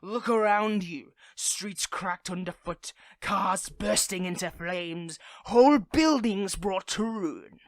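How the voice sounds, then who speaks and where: In an intimate audio roleplay, a performer voices a theatrical supervillain who moves between soft tenderness toward a partner and grandiose menace. The mid-range voice is slow with few pauses, recorded without echo.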